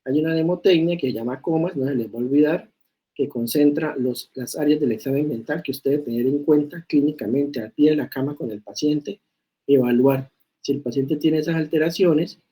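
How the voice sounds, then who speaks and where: A man lecturing students on a medical topic. His voice is on the higher side for a man yet mellow and warm. He reads criteria aloud, then unpacks them in a chatty way and keeps checking in with quick tag questions. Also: rough recording. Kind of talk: classroom lecture.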